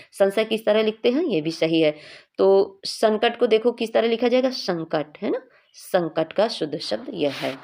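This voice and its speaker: A woman's voice: medium pitch, vocal fry, a little mellow. A young woman teaching a Hindi exam revision class, explaining each answer patiently and often checking in with her students.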